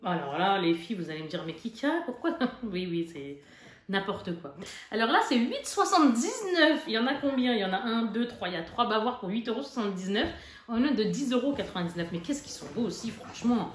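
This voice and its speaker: A woman's voice: fairly high pitch, expressive, brisk. Chatty mother in an echoey room. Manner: chatty, chummy, lots of fillers. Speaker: vlogger, mother. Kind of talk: casual haul vlog chat. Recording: echoey room with background noise.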